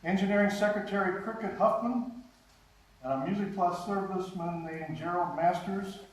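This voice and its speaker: A man giving an anecdotal, chuckling talk with slides at a live conference, recorded from a distance in a very echoey hall. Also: sits high. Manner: anecdotal, chuckles often, halting restarts. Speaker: guest speaker, former radio and TV writer. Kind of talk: storytelling lecture with slides. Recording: very echoey hall, distant mic, faint hiss.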